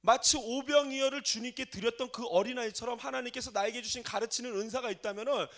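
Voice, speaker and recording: A man's voice: very high-pitched, quick pace. A man in his forties from Korea, a pastor giving a sermon in a church, telling stories with acted-out quotes and putting questions to the congregation. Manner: animated storytelling, acts out quoted voices, asks the congregation questions. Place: church sanctuary.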